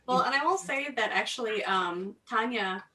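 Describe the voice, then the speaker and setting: A woman's voice: fairly high pitch, moderate pace, distant mic. A woman co-hosting a podcast at home, chatting casually and acting out little exchanges. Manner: animated, acts out quoted exchanges. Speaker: podcast co-host. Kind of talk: casual chat. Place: home, basement.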